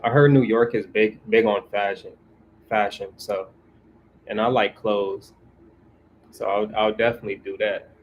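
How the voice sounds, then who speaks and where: Laid-back man with a low, flat voice. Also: unhurried, pauses often, dull audio, a little hiss or hum. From California, USA. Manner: laid-back, slangy, reads comments aloud and answers them. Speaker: streamer answering viewer comments. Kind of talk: casual livestream chat.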